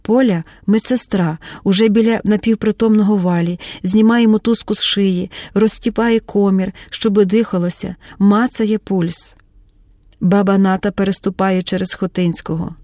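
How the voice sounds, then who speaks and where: A woman reads a dramatic novel aloud, shifting her pitch and pace to act out the characters. Her voice is warm and mellow, recorded close with no room sound. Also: steady tone, moderate pace, no echo. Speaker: audiobook narrator. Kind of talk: dramatic audiobook reading.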